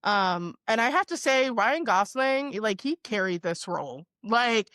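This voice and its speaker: A woman's voice: on the high side, sing-song, measured pace, fairly bright tone, no echo, studio quality. Upbeat chatty woman podcast host, lilt. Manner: chatty, filler-heavy, upbeat. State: hoarse, under the weather. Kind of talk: casual podcast chat.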